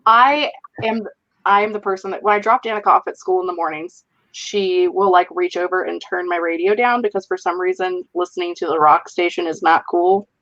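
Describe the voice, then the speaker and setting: A woman's voice: fairly low pitch, fairly even intonation, a little fast, fairly bright tone, muffled recording. A middle-aged woman hosting a casual group video chat, talking in a rambling way full of fillers. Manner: chatty, rambling with many "like" fillers. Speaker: host.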